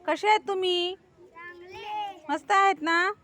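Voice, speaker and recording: Very high, bright-voiced teacher, a woman. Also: steady tone, unhurried. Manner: coaxing, patient questioning. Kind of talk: talking to young pupils. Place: school classroom.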